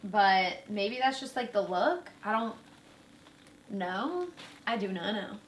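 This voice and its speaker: A woman's voice: mid-range voice, animated, slow pace, recorded from a distance, a little hiss or hum. A young woman vlogger chatting casually while unboxing clothes, bubbly and full of fillers, a bit out of breath. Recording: roomy, from away from the mic.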